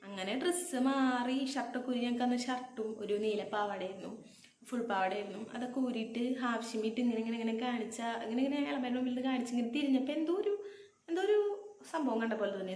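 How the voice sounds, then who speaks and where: A young woman vlogger, telling a personal story casually and acting out the dialogue. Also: on the high side. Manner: animated, acts out dialogue. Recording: echoey room with faint noise.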